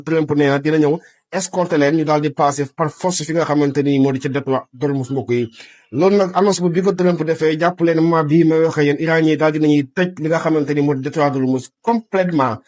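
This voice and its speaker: A Senegalese man presents breaking news in a fairly high voice with a dry, close sound. He keeps turning to his listeners and leans on repeated stock phrases as he reports. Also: steady tone, brisk, darkish tone, no echo. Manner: repetitive, addresses listeners often.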